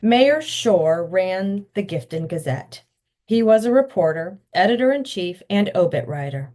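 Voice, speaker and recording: Reading from her own children's book, a woman narrates with expression and performs the characters' lines. She speaks unhurriedly in a mid-range voice.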